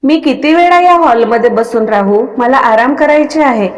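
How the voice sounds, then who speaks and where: Defiant young woman, read by a woman: sharp, cold, higher voice with long reverb. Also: normal speed, natural voice.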